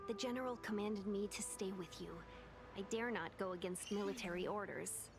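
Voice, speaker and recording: An actress playing a polite, gently confident female envoy in a video game, with a courteous, composed delivery. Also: mid-range voice, steady tone, moderate pace, soft background music, lightly acted. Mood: polite, assured. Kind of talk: scripted video game dialogue.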